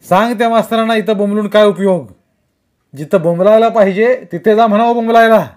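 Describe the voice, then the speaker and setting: A man reading a story aloud, voicing a loud, impatient man who barks orders over the phone. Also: high-pitched, lively intonation, unhurried, pitched above the performer's own voice. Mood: shouting. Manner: loud, commanding, shouting. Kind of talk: audiobook character reading.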